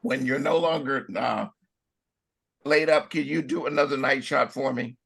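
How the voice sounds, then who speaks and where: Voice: medium pitch, normal speed, creaky, a bit bright, breathy edge. A photo judge who is losing their voice, casually questioning entrants in an easygoing way.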